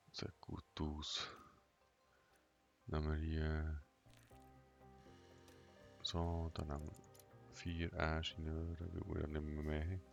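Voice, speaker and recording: A man giving an unscripted game walkthrough in a flat, emotionless monotone, thinking aloud in short, hesitant fragments. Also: extremely low pitch, gravelly. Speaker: gaming tutorial host. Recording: dull lo-fi sound, music behind.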